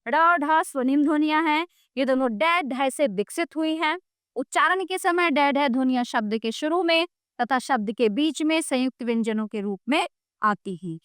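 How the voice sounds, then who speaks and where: A woman's voice: high-pitched, moderate pace, fairly bright tone, no room sound, studio quality. A woman teaching a grammar lesson, explaining patiently and often checking in with the listener.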